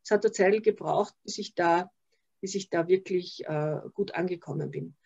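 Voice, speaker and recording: A woman's voice: on the low side, moderate pace, creaky, a little mellow, slightly rough. An older woman with an Austrian accent, talking as a guest in an interview over a video call, reflective and hesitant with many restarts. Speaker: interview guest, social worker. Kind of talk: conversational interview. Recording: slightly dull video call audio.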